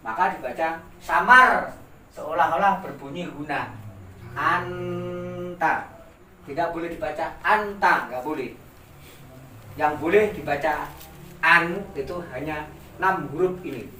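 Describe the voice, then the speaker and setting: A man with an Indonesian accent leads an informal recitation lesson, stretching syllables slowly and repeating each word for his pupils. His voice is fairly high and bright. He sounds a little far from the mic, in an echoey room with faint background noise. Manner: drawn-out demonstrative recitation, repeating words for pupils. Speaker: Quran recitation teacher.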